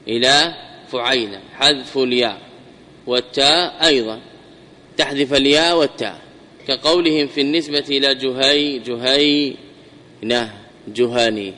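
A man's voice: medium pitch, pushed and bright. Man teaching grammar in a reverberant hall. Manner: repeats examples slowly, questions students. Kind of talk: classroom lesson.

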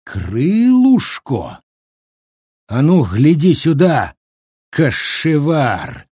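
Brief: grim male brigade leader, menacing drawl, husky storybook voice, put on by a narrator. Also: medium pitch, sing-song, mellow, dry recording, studio quality. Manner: menacing, slow and growling.

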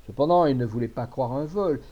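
A man reading a classic tale aloud, measured and expressive, on a dull lo-fi recording. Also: medium pitch. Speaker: narrator.

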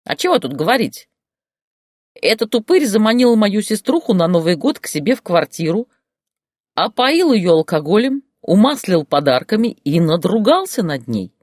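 A reader voicing a hefty, brash woman who loudly declaims her accusations. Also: mid-range voice, very animated, normal speed, dry recording, studio quality, pitched above the performer's own voice. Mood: accusing.

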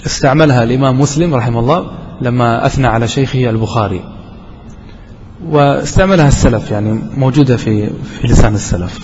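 A man's voice: mid-range voice, quick pace, darkish tone, slight background noise. A man teaching a grammar lesson to a class, explaining step by step and often quizzing his students. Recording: dull lo-fi hall recording.

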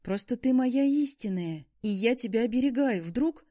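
A woman's voice: on the high side, expressive, normal speed, mellow, no room sound, studio quality, voice pushed up. A woman reading as a possessive young werewolf. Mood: flustered. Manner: growling, then flustered and defensive. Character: possessive young werewolf man, hot-tempered.

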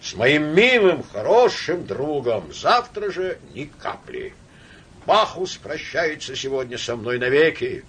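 A man's voice: fairly high pitch, big pitch swings, takes it slowly, fairly bright tone, slight background noise, full character voice. A man voicing a tipsy, sentimental young count who rambles and wheedles in his drunk talk. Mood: tipsy rambling.

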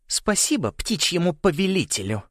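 A man's voice: mid-range voice, sing-song, normal speed, no room sound, studio quality, pitched above the performer's own voice, natural voice. A man voicing a blunt, scornful noble girl in a storybook. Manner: blunt and contemptuous.

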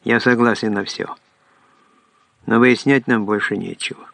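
A man's voice: lowish voice, fairly even intonation, unhurried, creaky, a bit bright, dry recording. A man doing a bitter, mocking older man. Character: middle-aged man, bitter and near hysteria.

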